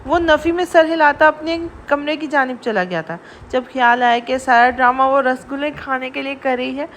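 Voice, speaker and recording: High-voiced woman narrating a novel. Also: fairly bright tone, slight background noise. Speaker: audiobook narrator.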